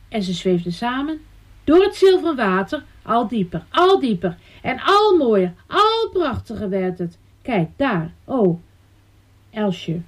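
A woman reading a children's storybook aloud in a soft, lilting manner. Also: fairly high pitch.

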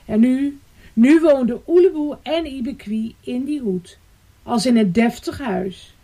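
A woman reading a children's story aloud, expressive and sing-song. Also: high voice, slightly rough. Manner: slow, lively and sing-song.

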